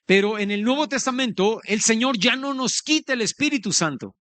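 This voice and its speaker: A man's voice: very high-pitched, expressive, normal speed, pushed and bright, dry recording. A man preaching a sermon as pastor, earnest and conversational, speaking straight to his listeners.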